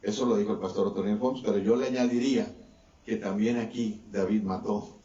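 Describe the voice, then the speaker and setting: Distant echoey pastor preaching. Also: male voice, steady tone, a little fast, warm tone. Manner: preaching with swings between raised and lowered voice. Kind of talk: sermon. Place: church hall. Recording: distant echoey church mic, dull sound.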